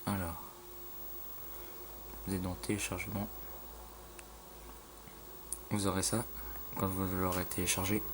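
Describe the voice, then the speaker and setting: A man casually talking through a game tutorial, halting with fillers and loose slang, filmed on a phone at a home computer. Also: low-pitched, little pitch movement. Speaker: gaming tutorial maker. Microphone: phone filming a screen. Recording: phone recording with faint room noise.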